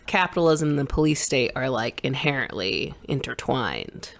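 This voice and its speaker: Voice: medium pitch, big pitch swings, moderate pace, vocal fry. A podcast co-host chatting casually, joking and laughing often. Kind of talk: casual chat.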